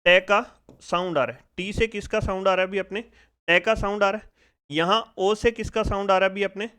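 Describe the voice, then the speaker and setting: A man teaches a phonics lesson, his voice pitched high and smooth. He puts each question to the class again and again, breaking every sound down step by step. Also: steady tone, normal speed, sharp tone. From India.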